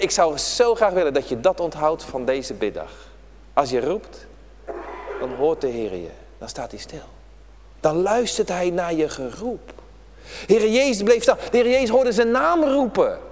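A man's voice: high voice, lively intonation, moderate pace, in a large hall, a little hiss or hum. A man preaching an emphatic, repetitive prayer-day sermon to children in a church. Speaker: pastor.

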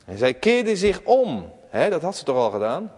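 A man preaching a sermon in a church, expressive and full of rhetorical questions. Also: on the high side, normal speed, breathy edge, long reverb tail.

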